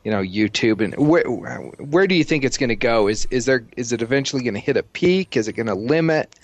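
A man's voice: mid-range voice, expressive, a little fast, dry recording. A man working as an interviewer, putting questions casually and tentatively, correcting himself as he goes.

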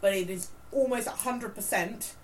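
A woman co-hosting a podcast, chatting in a relaxed, matter-of-fact way. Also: mid-range voice, normal speed, slight background noise. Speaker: podcast co-host. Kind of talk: casual chat.

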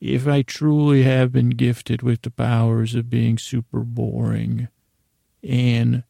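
A middle-aged man hosts a bedtime podcast, delivering an improvised, rambling monologue to listeners in a creaky, gravelly, mellow voice. His pitch sits in the middle and barely moves, and his whimsical, meandering delivery often halts or trails off mid-thought. The recording is dry and studio quality.

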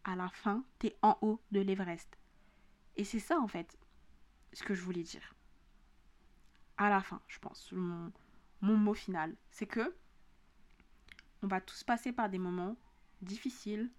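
A woman's voice: mid-range voice, a little slow, long pauses, darkish tone. A young woman with a southern French accent, hosting a motivational podcast in a casual, slangy monologue and repeating phrases for emphasis. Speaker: podcast host.

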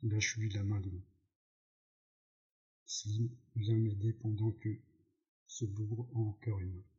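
A man's voice: lowish voice, little pitch movement, takes it slowly, a little mellow. A man reading the lines of a protective man urgently calling out orders to his friend, in a dull lo-fi recording.

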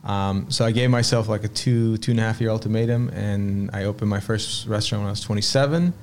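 A relaxed man from Sweden, a restaurant owner appearing as a podcast guest, tells stories reflectively in a casual interview conversation, with frequent "uh"s and repeated words. His voice is low and a little fast.

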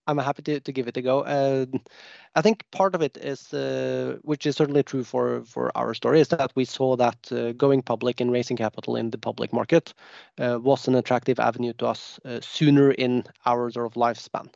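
Male executive panelist, mellow and gravelly, hesitant phrasing, dull lo-fi audio. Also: mid-range voice, level tone, a little fast, dry recording. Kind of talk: unscripted panel discussion. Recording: dull, dry lo-fi sound.

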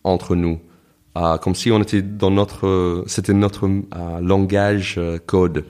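Guest: American man, very low voice, non-native French with an American accent, reflective, halting storyteller. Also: little pitch movement, darkish tone, clean tone. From United States. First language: English. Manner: reflective, anecdotal, halting with frequent restarts. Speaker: guest, author. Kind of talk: casual interview conversation.

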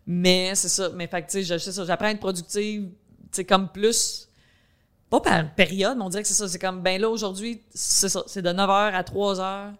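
A woman's voice: medium pitch, fairly even intonation, moderate pace, smooth. Rural Quebec woman comedian in her thirties, a podcast guest who rambles and chats loosely. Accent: Quebec French, rural. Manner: chatty, rambling, full of fillers. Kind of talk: casual chat.

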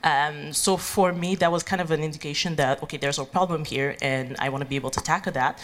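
Low-voiced woman from Haiti. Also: quick pace. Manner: relaxed, many ums and likes, light laughs. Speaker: guest entrepreneur. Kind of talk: conversational interview.

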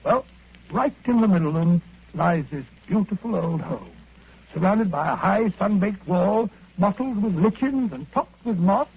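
An actor playing an earnest, good-natured doctor companion who talks chattily and a little hesitantly, in 1940s radio acting. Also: male voice, sits high, animated, normal speed, husky, heavily acted. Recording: tinny old radio broadcast.

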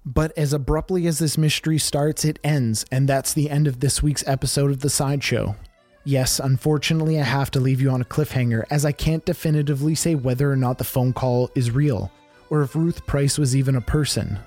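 A man's voice: mid-range voice, steady tone, brisk, a little mellow, no room sound, faint music behind. A man hosting a creepy mystery podcast, reading scripted narration and addressing listeners like a conspiratorial storyteller.

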